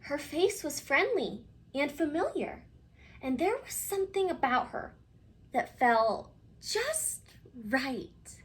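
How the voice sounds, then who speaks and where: Woman, high and very lively voice, expressive children's story reader who leaves dramatic pauses. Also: slight background noise. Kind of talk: expressive picture-book read-aloud for children.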